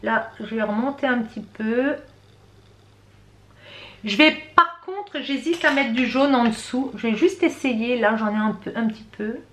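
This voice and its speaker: A middle-aged French woman, a beauty vlogger, chats through a makeup tutorial, speaking directly to her viewers and often correcting herself. Her voice is a little high and her pace measured.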